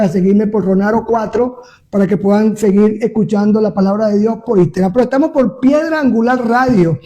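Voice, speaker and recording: High-voiced preaching man, mellow tone. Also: low-quality recording. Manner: preaching, emphatic scripture reading. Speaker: pastor and radio host. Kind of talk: radio interview with sermon reading. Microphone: live stream via phone.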